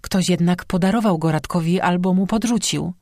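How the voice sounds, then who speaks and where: A woman's voice: on the low side, normal speed, no echo, clean studio sound, natural voice. A narrator voicing a stern old woman shaman. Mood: grave. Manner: calm, grave, motherly admonishing. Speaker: shaman, stone speaker. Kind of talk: audiobook dialogue.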